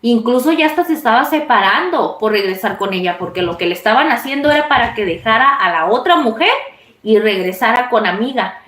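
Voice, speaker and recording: Woman, casual storyteller, slightly high voice, confiding and animated, echoey room. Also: fairly quick. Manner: chatty, confiding, animated retelling.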